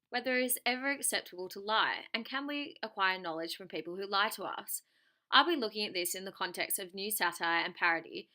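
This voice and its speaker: A woman's voice: fairly low pitch, bright, forceful tone. A young woman giving a scripted academic presentation as a student, reading formally from a prepared text.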